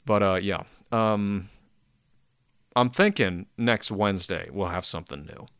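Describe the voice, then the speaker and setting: Deep, gravelly, tired man. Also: a little slow, fairly bright tone, no echo, studio quality. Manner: rambling, self-deprecating, swears casually. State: very tired, sleepy. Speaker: podcast host. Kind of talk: casual solo podcast chat.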